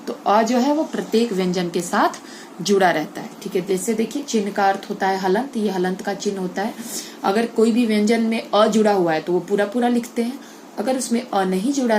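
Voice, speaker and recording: A woman teaching an online Hindi grammar class, explaining step by step, saying example words slowly and checking in with the children. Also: medium pitch, a little hiss or hum. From India.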